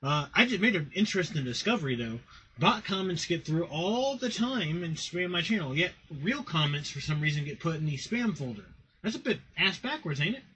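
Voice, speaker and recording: A man's voice: on the high side, very animated, brisk, pushed and bright, a little hiss or hum, low-quality recording. A man hosting a podcast in a casual, chatty style. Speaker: podcast host.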